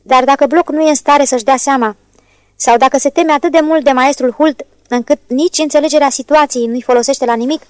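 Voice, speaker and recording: A woman narrates a classic novel for an audiobook, steady and measured. Her voice sits high, and the recording is close and dry. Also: no room sound. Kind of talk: scripted narration.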